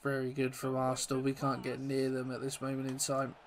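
This male gaming YouTuber narrates his own football game live in a chatty, self-mocking way, getting suddenly thrilled at every goal. He speaks fairly quickly with a medium-pitched voice.

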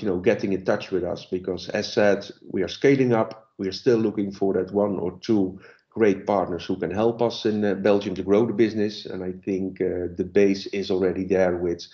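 Low-voiced man presenting a sales webinar. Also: muffled recording. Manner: relaxed, many fillers and restarts.

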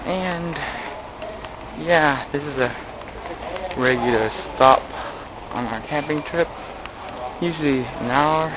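A young man filming a video diary of a camping trip, with a relaxed, halting manner and many ums and uhs. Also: fairly high pitch, highs cut off. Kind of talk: casual handheld video diary. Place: car, store, campsite outdoors, tent at night. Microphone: camera held at arm's length. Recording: noisy handheld camcorder audio.

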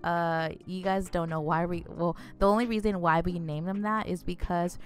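A woman's voice: lowish voice, fairly even intonation, moderate pace, faint music behind. A woman in her twenties co-hosting a casual Q&A video, reading out questions and answering in an easygoing, giggly way. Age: 20s. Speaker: co-host of a couple's channel. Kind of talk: casual Q&A chat. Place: small home studio room. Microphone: studio microphone on a stand, close.

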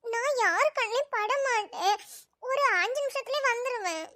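A voice actor playing a restless, chatty young girl in a cartoon, with a high pitch-shifted childlike voice and a pleading, whiny way of talking. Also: expressive, normal speed, pushed and bright, no room sound, clean studio sound, full character voice. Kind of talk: cartoon voice acting.

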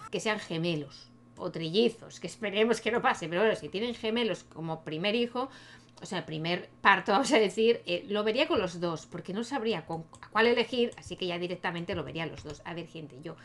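A woman's voice: medium pitch, a little fast. A young woman with a Spain Spanish accent gives casual let's-play commentary, chatting to her game characters and laughing often. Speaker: gaming youtuber.

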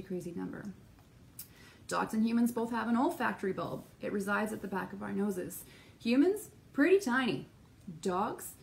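A woman's voice: medium pitch, vocal fry, a little hiss or hum. A woman aromatherapist giving a casual, playful explainer to camera from indoors at her shop, with her dogs beside her. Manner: chatty, playful, lively explaining. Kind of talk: casual educational talk to camera.

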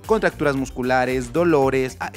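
A man with a Mexican Spanish accent, a doctor giving sarcastic, animated reaction commentary and reading viewer comments aloud. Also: mid-range voice, unhurried, faint music behind.

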